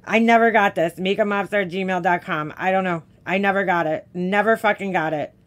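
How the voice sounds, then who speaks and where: A woman's voice: medium pitch, a little fast. A woman streamer with a New York accent, reading a letter aloud and ranting about it with scornful, profane exasperation. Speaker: makeup commentary streamer. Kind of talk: ranting live reaction.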